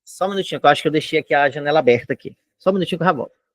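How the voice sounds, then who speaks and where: A fairly high-pitched man speaks very fast on a dry recording, with a Brazilian Portuguese accent. He teaches an informal exam-prep lesson online from home, chatty throughout, leaning on filler tags and step-by-step explanations.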